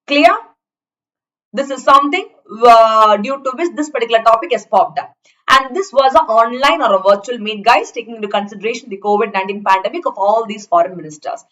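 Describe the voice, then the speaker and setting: A woman with an Indian accent gives a chatty, explanatory online exam lecture in a conversational style, often checking that students follow. Her voice is on the high side, brisk and a bit bright, with the highs cut off in the audio.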